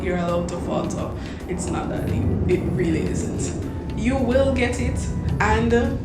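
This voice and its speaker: Here a Jamaican woman studying medicine offers sincere, comforting guidance to first-years, going over key points again for emphasis. The recording is reverberant and her pitch is medium.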